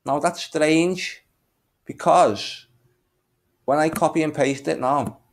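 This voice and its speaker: A man with a fairly high-pitched voice speaks slowly as he shares his screen. He's the video maker and narrator, offering loose, rambling commentary, thinking aloud and muttering bits of filler tune.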